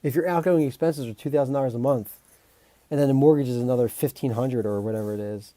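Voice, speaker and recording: During a casual live stream, a composer talks fast in a warm, medium-pitched voice with no room sound. His chat with viewers is rambling and jokey, full of restarts, fillers and mild swearing.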